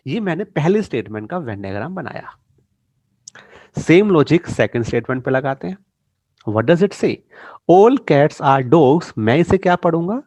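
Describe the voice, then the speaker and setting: A middle-aged man teaches students at an unhurried, measured pace, drawing out each key English phrase as if writing it on the board. His voice sits at an ordinary pitch, and the recording is close and dry with no room sound. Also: a little mellow, no echo. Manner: mixes Hindi and English, addresses students directly; slow, deliberate stress on key English phrases. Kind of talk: lesson.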